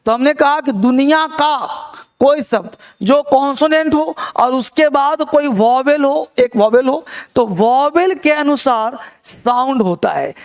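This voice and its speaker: A man teaching an online English pronunciation class, repeating words slowly and asking the class whether they follow. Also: very high voice, animated. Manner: repeats words slowly and asks checking questions.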